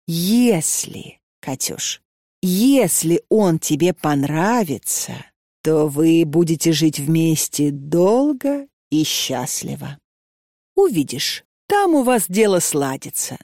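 Audiobook figure: elderly matchmaker, soft persuasive tone, read by a woman, low voice, dry booth sound. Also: no room sound, heavily acted. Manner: gentle coaxing, patient. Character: old village matchmaker woman, calm, persuasive.

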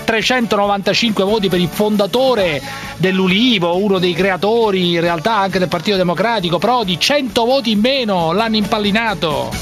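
A man's voice: sits high, normal speed, music in the background. A man hosting a call-in radio show, provocative and teasing with callers and his co-host.

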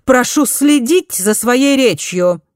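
Woman doing a stern aristocratic mother, slow prim delivery, slightly raised voice, dry audiobook sound. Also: on the low side, lively intonation, a little mellow, dry recording, lightly acted.

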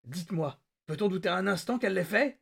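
A man voicing a frantic, excitable male psychiatrist who shouts and gasps as his voice leaps high. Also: a little fast, vocal fry, breathy edge, exaggerated voice. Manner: shouting, gasping, pitch leaping.

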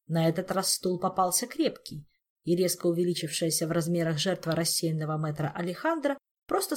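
A woman reading an audiobook in an expressive storytelling manner. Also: on the low side. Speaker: audiobook narrator. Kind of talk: scripted audiobook narration.

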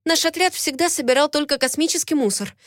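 A woman's voice: high-pitched, fast talker, no echo, clean studio sound, voice pushed up, close to an everyday voice. A woman voicing a flustered, defiant young female ship mechanic in an audiobook, speaking in a raised, indignant voice. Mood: pleading.

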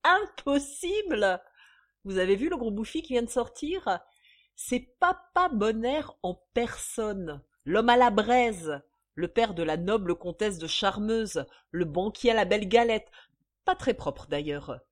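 A woman's voice: mid-range voice, animated, measured pace, natural voice. A woman reading a novel aloud, voicing a brash, mocking young demimondaine. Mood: gleeful. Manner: loud, mocking, slangy.

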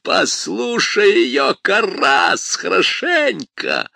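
A man reading an audiobook voices a menacing demon that mocks in a slow, gloating drawl. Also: on the low side, expressive, vocal fry, sharp tone, no room sound, clean studio sound, exaggerated voice.

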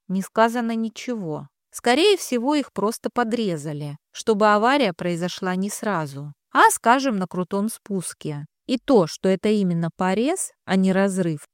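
A woman's voice: mid-range voice, no room sound, studio quality, close to an everyday voice. A woman voicing a male police detective who talks matter-of-factly and wryly, explaining a case. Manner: matter-of-fact, lecturing, wry. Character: gruff male police captain, sardonic, world-weary.

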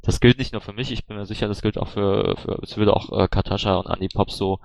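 Low gravelly man, halting. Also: steady tone, no room sound. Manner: hesitant, many fillers and restarts. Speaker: candidate for party board. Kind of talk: online Q&A, casual spoken answers.

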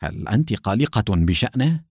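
A man reading aloud, voicing a composed senior male army officer with a measured, regretful manner. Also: lowish voice, sing-song, darkish tone, slightly rough, no room sound, clean studio sound, full character voice.

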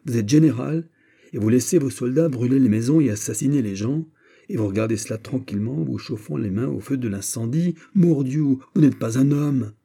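A man's voice: on the low side, very animated, unhurried, gravelly, few pauses, mellow, exaggerated voice. A man reading an audiobook, voicing a hot-blooded male musketeer with fiery, indignant outbursts. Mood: angry. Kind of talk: audiobook character voice.

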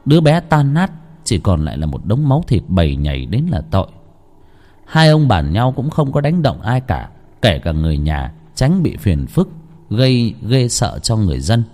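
A man narrating a ghost story in a dramatic, lively storytelling manner. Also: medium pitch, moderate pace.

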